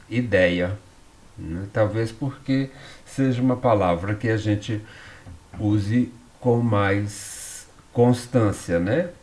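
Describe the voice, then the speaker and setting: A man's voice: lowish voice, a little mellow. A man with a Brazilian Portuguese accent giving a recorded school lesson, explaining patiently and often checking in with tag questions. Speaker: teacher.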